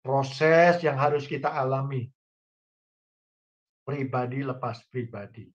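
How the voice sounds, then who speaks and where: A man's voice: medium pitch, slow. Male pastor preaching on dull audio. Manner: addresses congregation directly, folksy humorous examples. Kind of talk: sermon. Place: church online service.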